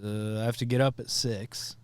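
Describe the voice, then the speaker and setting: Deadpan tired-sounding man, dry mic. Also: mid-range voice, normal speed, smooth, no echo. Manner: deadpan, tired, self-mocking. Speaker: podcast co-host. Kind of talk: casual comedy podcast banter.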